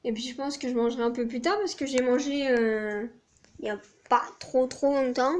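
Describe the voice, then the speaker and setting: A young woman with a southern French accent talks casually to her camera in a high, light voice. She rambles from one small thing to the next and pokes fun at herself with easy laughs. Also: normal speed, darkish tone, slight background noise. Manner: chatty, rambling, self-mocking with frequent laughs. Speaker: vlogger. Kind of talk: casual vlog chat.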